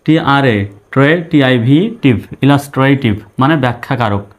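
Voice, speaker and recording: A man's voice: medium pitch, normal speed. A man with a Bangladeshi accent teaching English pronunciation, breaking long words into syllables and repeating each part patiently. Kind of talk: slow spelling-out pronunciation lesson.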